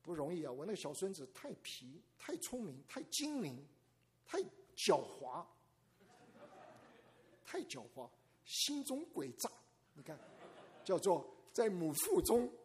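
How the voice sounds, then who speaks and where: A man's voice: high-pitched, unhurried, pauses often. An older man preaching a sermon to a congregation, telling stories with animation, asking the listeners questions and acting out little scenes. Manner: animated storytelling, asks the audience questions and acts out scenes.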